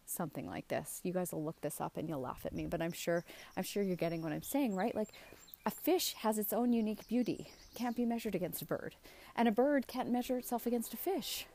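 Talking a little fast in a dark, mid-range voice, a middle-aged woman hosts her show as a self-esteem coach. Her motivational talk is earnest but casual, spoken out of the side of her mouth, and she checks in with emphatic questions.

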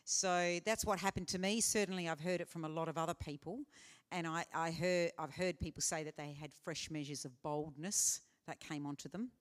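A woman's voice: low-pitched, fairly even intonation, moderate pace, few pauses. A woman speaker answering questions in a live teaching session, earnest and conversational with frequent fillers. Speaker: conference speaker. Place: conference hall.

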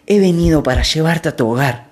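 A storyteller voicing a calm, firm eldest brother who speaks earnestly. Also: medium pitch, a little fast, lightly acted.

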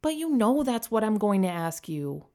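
A woman's voice: medium pitch, big pitch swings, moderate pace, warm tone, pitched above the performer's own voice. A woman doing an awkward, stammering office guy. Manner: pleading, stammering. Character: awkward doughy late-thirties male coworker.

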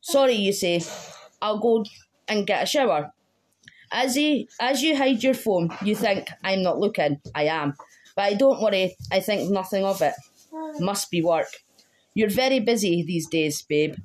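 A woman reads her own verse in a mid-range voice, keeping a steady rhythm with a dry, wry edge. A faint hiss of background noise and small clicks sit under the recording. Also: mid-range voice, unhurried. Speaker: guest poet. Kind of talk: reading her own poem aloud.

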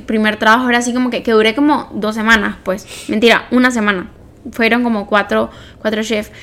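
A young adult woman with a fairly high voice and a Venezuelan Spanish accent co-hosts a podcast, chatting casually and informally. As she tells personal stories, she keeps correcting and reworking her sentences.

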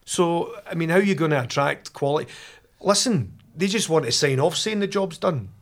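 Gravelly Scottish man in chat. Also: on the high side, moderate pace. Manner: animated, voices imagined dialogue. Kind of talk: casual chat.

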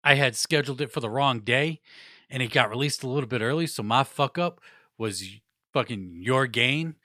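A young adult man with a medium-pitched voice talks at a moderate pace, recorded with clean studio sound and no echo. He hosts a casual hip hop podcast, speaking loosely with slang, cursing, and shout-outs, his nose stuffed up.

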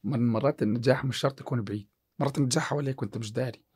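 A man talks very fast in a mid-range voice that is slightly rough with a darkish tone. He's a chemistry teacher guesting on a casual podcast about success and faith, often restarting as he quotes scripture.

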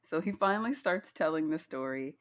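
A woman's voice: deep voice, lively intonation, fairly quick. A woman co-hosting a podcast, recapping a reality show in a chatty, laughing way with playful asides. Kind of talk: casual chat.

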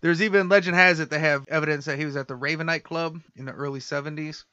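A man's voice: fairly high pitch, steady tone, fast, pushed and bright, no room sound, lo-fi sound. A man hosting a casual podcast, telling a crime story and reading out quotes. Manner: storytelling, reads quotes, laughs along. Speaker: podcast host.

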